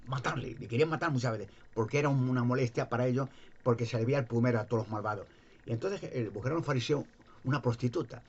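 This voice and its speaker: A man's voice: mid-range voice, quick pace, slightly rough, highs cut off. A man with a Spain Spanish accent retelling a gospel story in a rambling, repetitive, folksy way. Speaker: religious storyteller. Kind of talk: casual retelling of a Bible story.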